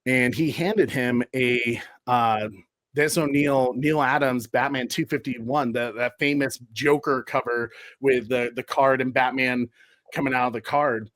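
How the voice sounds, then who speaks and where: A man's voice: mid-range voice, fairly even intonation, unhurried, fairly bright tone, dry recording, clean studio sound. A man in his thirties, a podcast guest, telling stories in a rambling, easygoing way with many fillers. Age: 30s. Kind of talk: casual chat.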